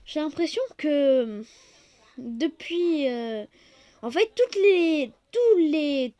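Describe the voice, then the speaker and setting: Animated, lively woman reviewing cards. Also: high-pitched, very slow. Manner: exclamatory, playful and self-mocking; loud at times, then drops to soft asides. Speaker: card collecting channel host. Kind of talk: casual card set review commentary.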